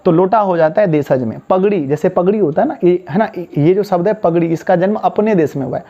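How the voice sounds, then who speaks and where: A man teaches a grammar lesson in a high but mellow voice. He keeps asking quick questions and answering them himself, and he has the class repeat terms after him. The recording sounds dull and lo-fi. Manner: drills students with call-and-response repetition; casual, asks rhetorical questions and answers them. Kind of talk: online class lecture.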